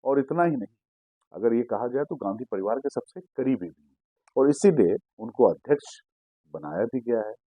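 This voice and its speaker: A man's voice: medium pitch, expressive, normal speed, warm tone, no room sound. A man hosting a digital political news show, giving assertive commentary and explaining a clip to viewers.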